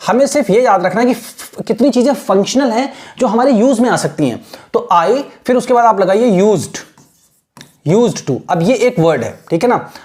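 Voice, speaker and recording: Male tutor modelling pronunciation slowly. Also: sits high, expressive, darkish tone. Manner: asks rhetorical questions and answers them. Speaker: English teacher. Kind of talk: classroom lesson in mixed Hindi and English.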